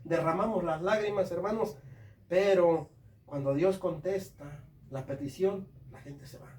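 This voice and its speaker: Fervent preacher in echoey room. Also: male voice, high-pitched, a little slow, darkish tone. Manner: fervent, addresses listeners as brothers. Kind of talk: sermon. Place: home service room. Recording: echoey room, from far off, faint ambience.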